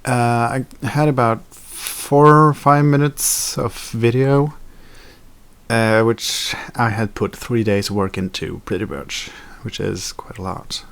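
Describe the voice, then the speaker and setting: A man's voice: mid-range voice, fairly even intonation, takes it slowly, fairly bright tone. A young man chatting casually in a daily vlog, rambling with fillers and self-corrections. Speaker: video blogger.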